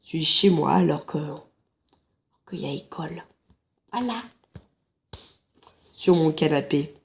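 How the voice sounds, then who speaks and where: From his couch at home, a man commentates a game in a casual let's-play, nasal and stuffy with a head cold. His voice is a little high, animated and fairly bright, delivered slowly with vocal fry. He's chatty, tossing jokey asides to his viewers.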